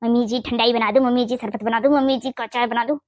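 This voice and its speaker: Bossy cartoon saas, woman voicing her, high-pitched, sharp-tongued, loves a big vow. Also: steady tone, quick pace, no room sound, studio quality, natural voice. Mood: irritated. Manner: blunt, scolding, makes boastful vows. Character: older mother-in-law, fiercely protective, sharp-tongued, bossy. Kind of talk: Hindi cartoon voice acting.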